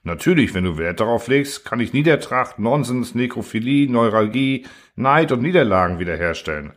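A man's voice: medium pitch, lively intonation, moderate pace, close to an everyday voice. A man voicing a smug metallic-sounding machine. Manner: smug, indifferent, self-important. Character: vain, cold, boastful thinking machine. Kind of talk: audiobook reading.

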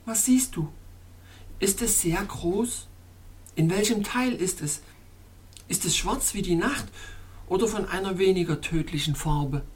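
A woman's voice: mid-range voice, unhurried, pauses often, darkish tone, natural voice. A woman voicing a sorrowful, anxious young fairy princess in a storybook reading, with a pleading, tremulous murmur.

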